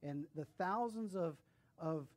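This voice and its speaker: A male pastor preaching and telling a story, animated, with hushed drops at solemn moments. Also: a little high, takes it slowly. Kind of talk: sermon storytelling.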